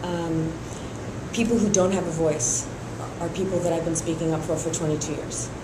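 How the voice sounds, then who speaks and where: A low, fairly evenly intoned voice at a moderate pace belongs to a middle-aged woman from Iran, raised in San Francisco, who speaks steadily with frequent fillers. She is interviewing for an endorsement in her run for district attorney. The recording is reverberant with noise behind her.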